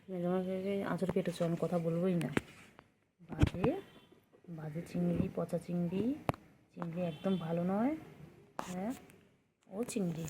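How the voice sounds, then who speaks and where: A woman's voice: lowish voice, noisy background. A woman at home talking to her pet cats, calling, coaxing and mock-scolding them in baby talk. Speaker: pet owner.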